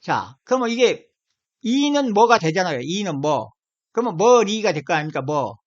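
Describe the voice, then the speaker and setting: Very animated and speaking at a moderate pace in a medium pitch, a channel host casually walks through an on-screen dictionary word by word. They point at the screen and keep repeating the key words, captured in slightly dull lo-fi audio.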